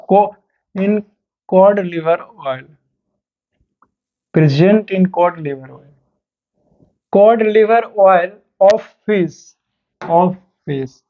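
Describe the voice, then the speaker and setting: A male teacher giving an online class lesson, switching between Hindi and English and reading questions out slowly word by word. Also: high-pitched. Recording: dull lo-fi sound.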